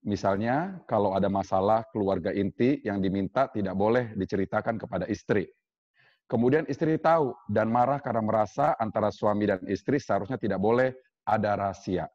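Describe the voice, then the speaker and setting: A man's voice: lowish voice, fairly quick, a little mellow. A man hosting a talk show, politely reading viewer questions to the guests. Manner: polite, formal. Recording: dull lo-fi sound with long reverb.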